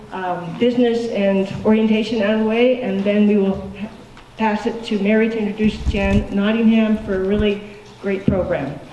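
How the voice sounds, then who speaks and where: A woman's voice: mid-range voice, recorded from a distance. Upbeat woman hosting a club meeting. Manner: upbeat, chatty, frequent ums. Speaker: branch meeting host. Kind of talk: casual meeting announcements. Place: meeting hall with audience. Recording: echoey hall, recorded from afar, audience noise.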